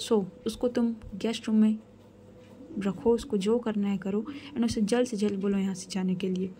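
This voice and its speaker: A woman's voice: mid-range voice, fairly even intonation, moderate pace, warm tone, slight background noise, lightly acted. A woman voicing a strict middle-aged mother who scolds her daughter firmly. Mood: scolding. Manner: scolding, firm and commanding.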